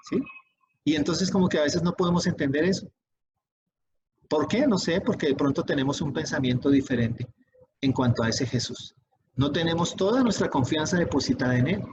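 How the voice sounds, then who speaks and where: Emphatic preacher man, slightly high voice. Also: dull audio, slight background noise. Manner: repeats "¿sí?" to check in with the congregation; emphatic, rising on questions, slowing on key words. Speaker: pastor. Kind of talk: sermon.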